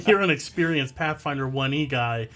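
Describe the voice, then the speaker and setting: Male podcast host, casual chat, self-deprecating humor, quick to laugh. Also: on the high side, lively intonation, a bit bright.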